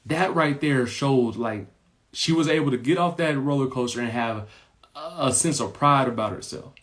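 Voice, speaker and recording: A man's voice: medium pitch, moderate pace, a bit bright. Earnest man telling a motivational story. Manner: earnest, repeats points and tags lines with "right?". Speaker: podcast host.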